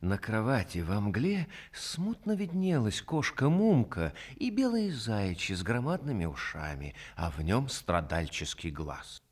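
A man narrating a literary story in an expressive audiobook reading style. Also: on the low side, measured pace, few pauses, slightly rough.

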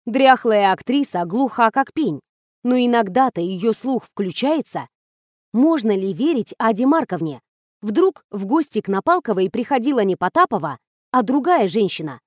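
A woman narrates a detective novel in the first person with a measured, storytelling delivery. Her voice sits a little high. The recording is dry and close, with no room around it. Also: sing-song, no echo. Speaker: audiobook narrator.

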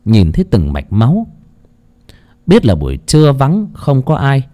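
A male narrator reads an audiobook story with great drama. His voice is warm and mellow, and his pitch swings widely, climbing and dropping with each turn of the tale. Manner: dramatic, rising and falling with the action.

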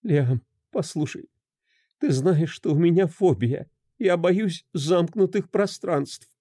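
A man's voice: a little high, slow, gravelly, dark tone, no room sound, studio quality, pitched above the performer's own voice, exaggerated voice. A man voicing a distraught woman who confesses to a killing through tears, her voice trembling. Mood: tearful. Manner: trembling, tearful pleading.

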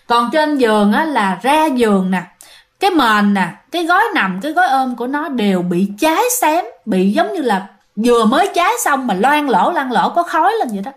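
A woman's voice: high-pitched, sing-song, moderate pace. Chatty woman telling ghost tales. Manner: chatty, addresses listeners directly. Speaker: storyteller. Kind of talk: casual ghost story narration.

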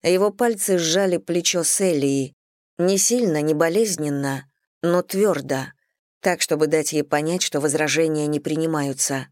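Audiobook reader, steady and even, mid pitch, totally dry studio sound. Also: measured pace, no room sound. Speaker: audiobook narrator. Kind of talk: scripted narration of a thriller novel.

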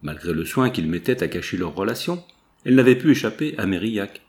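A man narrating a classic novel as an audiobook, in a measured storytelling manner. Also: fairly low pitch, big pitch swings, a little mellow. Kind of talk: scripted literary narration.

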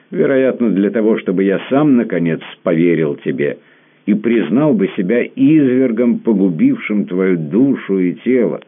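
A man reading the lines of a cold, composed prince in a measured, restrained manner. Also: lowish voice, phone-quality sound, voice pushed up. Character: cold composed prince, weary of his lover.

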